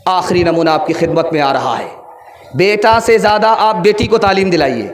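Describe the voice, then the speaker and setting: A man preaching a sermon at a religious gathering, telling stories that build to shouted emphasis. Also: sits high, lively intonation. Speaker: Islamic preacher. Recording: long reverb of a big venue.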